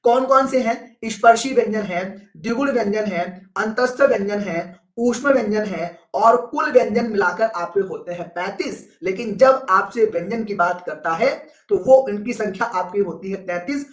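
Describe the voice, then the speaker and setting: A man's voice: high-pitched, normal speed, few pauses, reverberant. A male teacher giving a live online exam-prep lesson, repeating key points with emphasis and answering viewer comments as he goes.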